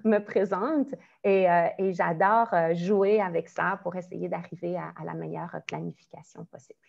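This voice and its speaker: This Quebec woman in her forties teaches primary school and is presenting online, explaining things warmly with many "euh"s and small laughs. She speaks with a Quebec French accent touched by Belgian French, in a gravelly, darkish mid-range voice recorded lo-fi.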